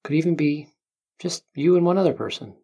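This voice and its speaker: Gravelly-edged, soothing meditation guide. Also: mid-range voice, animated. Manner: soothing, unhurried, gentle instructions with long pauses. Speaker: meditation guide, podcast host.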